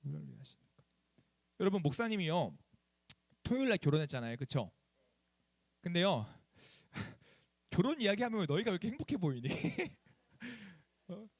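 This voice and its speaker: Young man, youth pastor, lively storytelling sermon, high voice, dry close sound. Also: moderate pace, pauses often, dry recording. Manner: animated, chatty, asks the students questions.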